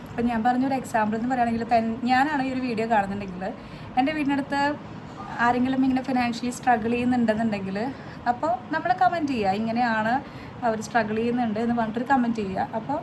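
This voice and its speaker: A woman in her thirties talks casually to the camera at home, rambling and filling pauses with hesitant sounds. Her voice sits fairly high for a woman. The home recording carries a clear layer of background noise. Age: 30s. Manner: chatty and rambling, many hesitant filler sounds. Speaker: family vlogger.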